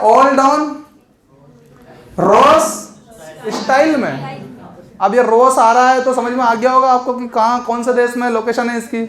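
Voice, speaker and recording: A man's voice: extremely high pitch, a bit bright. A man teaching an exam coaching lesson, explaining memory tricks and asking the class questions that he answers himself. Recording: echoey room.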